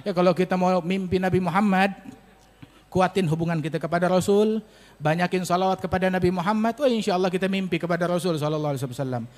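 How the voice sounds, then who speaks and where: A male preacher, giving a sermon and telling stories with lively acted-out dialogue. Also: sits high, quick pace. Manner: storytelling, acts out dialogue with rising emphasis. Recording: long hall reverb.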